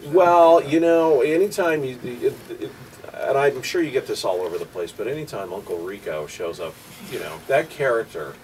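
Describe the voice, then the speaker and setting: A man's voice: mid-range voice, lively intonation, normal speed, a little mellow. A man hosting a radio interview, bantering and teasing his guests in a casual way. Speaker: radio host. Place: radio studio. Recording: distant mic with faint noise.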